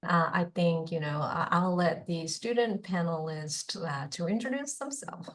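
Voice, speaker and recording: A woman with a notably low voice introduces colleagues and panelists on a webinar. She speaks politely with a few hesitant uhs over a video call. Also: a little slow. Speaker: associate director of international student services.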